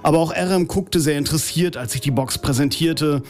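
A man's voice: a little high, brisk, a little mellow, faint music behind. Dry, ironic German-storyteller man. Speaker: author reading his story. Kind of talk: humorous story reading, then interview.

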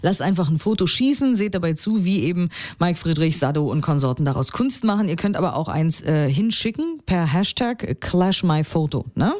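A woman's voice: fairly low pitch, expressive, moderate pace, few pauses, a little mellow. A woman radio host moderating a segment, speaking directly and friendly to the listeners.

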